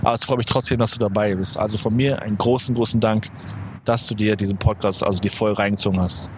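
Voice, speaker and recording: A man's voice: lowish voice, fairly even intonation, quick pace. A man in his twenties hosting a podcast, rambling casually and correcting himself in a slangy motivational monologue outdoors near a supermarket. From Germany. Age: 20s. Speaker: podcast host. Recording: clear outdoor traffic noise. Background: traffic and street noise.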